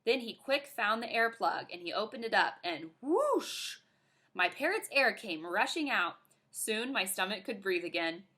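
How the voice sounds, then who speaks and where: Animated woman reading a kids' book. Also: medium pitch, unhurried. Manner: expressive, animated. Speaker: reader. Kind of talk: reading a children's book aloud.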